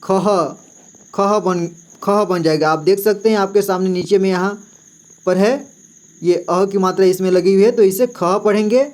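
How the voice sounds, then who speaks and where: A man's voice: high-pitched, steady tone, normal speed, a little mellow. A male teacher giving a patient, explanatory lesson who repeats each syllable several times and checks in with the listener often. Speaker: Hindi teacher.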